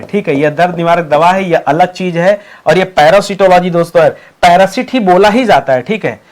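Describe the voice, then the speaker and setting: A man teaching an exam-prep lecture, repeating key terms and asking his students questions as he goes. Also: high-pitched. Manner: repetitive, drills terms, asks students questions.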